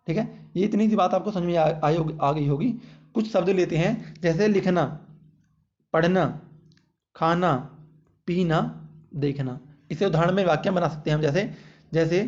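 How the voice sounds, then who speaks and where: Up guy teaching grammar, fairly high voice, keeps saying theek hai, bit muffled lo-fi audio. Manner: repeats "ठीक है" and quizzes the listener with "हमारा क्या है"; jokey, uses playful baby-talk examples. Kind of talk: exam-prep grammar lesson. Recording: dull lo-fi audio.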